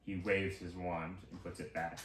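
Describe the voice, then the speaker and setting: A man narrating as game master in a slow, halting way with many pauses and fillers. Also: sits low, flat delivery. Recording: roomy, distant mic with faint hiss.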